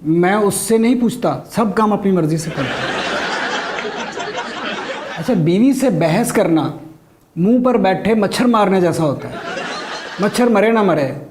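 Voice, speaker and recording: A man performs a stand-up comedy monologue, his high voice expressive and unhurried, pausing often. He keeps the joke delivery dry while the audience laughs along, and the recording is noisy.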